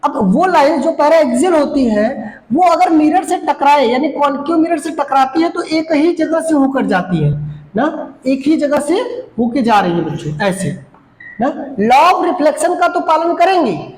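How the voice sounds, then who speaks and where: Woman physics teacher, bright high voice, repetitive drilling delivery, echoey room with faint background noise. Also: animated, a little slow. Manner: repeats key terms, asks and answers own questions; stretches out English definitions word by word. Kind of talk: classroom lesson at a board.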